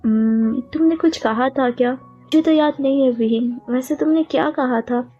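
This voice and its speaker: A woman's voice: high voice, normal speed, dark tone. Woman doing a teasing, doting father. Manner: playful, teasing. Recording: dull lo-fi audio with faint music.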